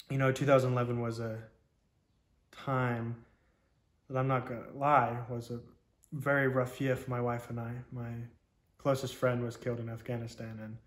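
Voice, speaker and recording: A man, a military veteran, giving a reflective, halting personal testimony in an interview. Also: mid-range voice. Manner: reflective, halting, frequent "you know". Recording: roomy echo.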